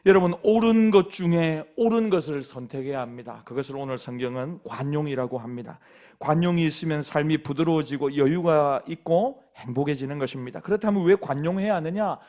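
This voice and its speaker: A middle-aged pastor with a Gyeongsang accent from Busan, preaching a sermon in a folksy, joking storytelling way. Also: male voice, a little high, fairly quick, darkish tone.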